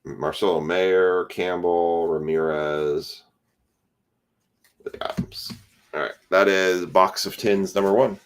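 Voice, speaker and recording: A man's voice: low voice, steady tone, takes it slowly, clean tone. A tired man hosting a casual card break, calling out player names as he opens packs. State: tired, yawning.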